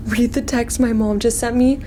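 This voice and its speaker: A woman chatting casually during a ghost hunt, excitable and easily startled, in on-location vlog sound. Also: on the high side, noisy background. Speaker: paranormal investigation vlogger.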